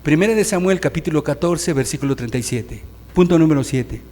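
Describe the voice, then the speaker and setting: A man preaching a sermon in a church, his voice sitting a little high for a man. He keeps calling his listeners brothers and checks that they follow along. The sound trails off in a long church reverb. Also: lively intonation, fairly quick, darkish tone. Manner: addresses the congregation as brothers, often asks "¿sí?". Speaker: pastor. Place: church hall.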